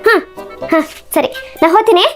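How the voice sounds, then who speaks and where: A mischievous schoolgirl who whines and schemes to skip her lessons, played by a woman in a comedy sketch. Her voice sits very high. Music plays clearly behind her. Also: normal speed. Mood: scheming. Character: mischievous schoolgirl faking tears.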